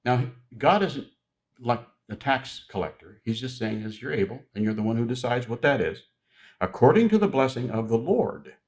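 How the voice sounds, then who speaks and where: A man preaching a sermon in a conversational teaching style, joking with the congregation and slowing down to stress key words. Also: mid-range voice, expressive.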